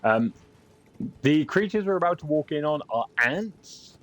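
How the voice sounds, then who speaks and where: A man's voice: a little high, expressive, a little slow, fairly bright tone, poor audio. A man chatting casually while playing a game on stream, easygoing with dry remarks and offhand swearing. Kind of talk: casual chat while gaming.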